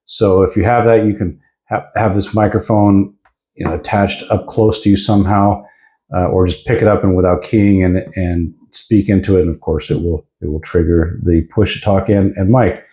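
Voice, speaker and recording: An American radio reviewer gives a casual, informal product review from an indoor desk, explaining features a little hesitantly. His voice is low and warm, steady in tone, at a moderate pace. The room sounds roomy and echoing.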